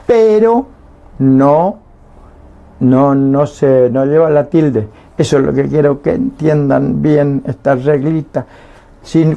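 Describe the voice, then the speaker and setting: In a radio studio, a man with a mellow, medium-pitched voice teaches a Guarani language lesson. He explains patiently and often checks that listeners understand.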